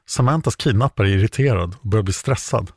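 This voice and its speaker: Gravelly low-voiced male narrator. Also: no room sound, studio quality. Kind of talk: scripted true crime narration.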